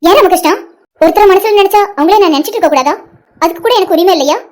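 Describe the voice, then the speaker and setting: A woman voicing a tearful, heartbroken young woman in an animated cartoon, pleading with a friend. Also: extremely high pitch, very fast. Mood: hurt. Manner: pleading, protective.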